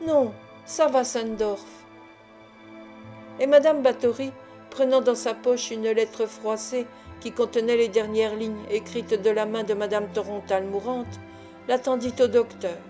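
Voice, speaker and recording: Woman, audiobook narrator, fairly high voice, dark warm tone, measured clear reading. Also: fairly even intonation, faint music behind. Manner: measured, clear storytelling delivery. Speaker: audiobook reader.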